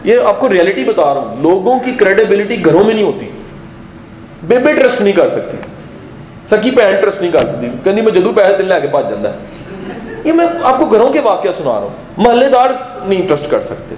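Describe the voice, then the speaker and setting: A man giving an animated motivational lecture to a live audience, full of rhetorical questions and bits of English and Punjabi. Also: high-pitched, roomy sound, slight background noise, poor audio. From Pakistan. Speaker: motivational speaker.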